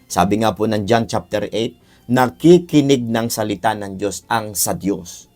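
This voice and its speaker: A man's voice: lowish voice, a little slow, a little mellow. A man teaching a Bible lesson, earnest, calling his listeners brothers and sisters and repeating key phrases for emphasis. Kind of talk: Bible teaching on child discipline. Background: faint music.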